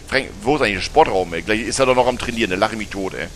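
A man's voice: expressive, quick pace, a little hiss or hum. A German man doing let's play commentary, chatty and teasing, talking back at the characters in the game as he plays. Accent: German, with northern colloquial speech. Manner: breaks into high-pitched laughter.

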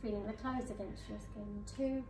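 A woman hypnotherapist leading a guided hypnosis session for a live audience in a conference room, speaking in slow soothing suggestions. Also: mid-range voice, fairly even intonation, noisy background. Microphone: far camera. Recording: echoey room from far off.

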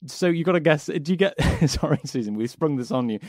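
A man's voice: on the high side, animated, brisk, a little mellow, no echo, clean studio sound. Playful man hosting a quiz. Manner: playful, reads quotes with theatrical emphasis. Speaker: podcast host and quizmaster. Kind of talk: casual podcast chat.

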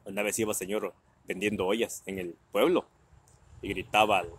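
Speaking at a normal speed in a steady, lowish voice that is husky and a bit bright, this Guerrero man shares family stories with a Mexican Spanish accent. He laughs a lot, drops crude slang and does voices for the characters, all in a dry recording.

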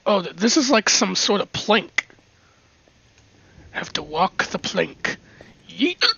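A bright, breathy voice rambles through a casual let's-play, slipping into muttered whispers and little giggles between remarks. The recording sounds a bit dull and lo-fi, and the delivery is slow and unhurried. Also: mid-range voice, expressive. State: hiccups. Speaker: gameplay commentator.

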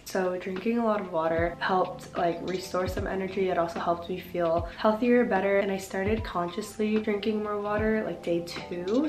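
A young adult woman chatting casually to camera as a vlogger while recovering from wisdom teeth removal. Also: mid-range voice. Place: indoors at home, bedroom and kitchen. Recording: roomy echo with music behind.

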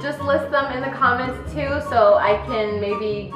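A young woman hosts a casual vlog in a fairly high voice. The room is echoey and there is music behind her. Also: a little slow. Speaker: challenge video host. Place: indoor home room. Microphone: camera a short distance away.

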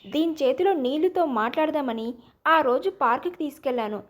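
A woman's voice: high-pitched, lively intonation, a little fast. A woman voicing a young husband and father who is teasing and exasperated, with a playful, pleading manner, in a storybook reading.

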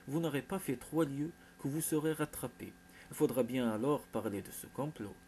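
A man voicing a blunt, gruff older medieval lord who talks in a stern, lecturing way. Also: medium pitch, moderate pace, a little mellow, a little hiss or hum, lightly acted.

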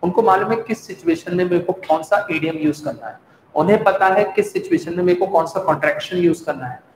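A man's voice: high voice, brisk, a little hiss or hum. A young man teaching a spoken-English class with a Hindi accent, chatty and reassuring, drilling pronunciation by having students repeat words. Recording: echoey room with long reverb.

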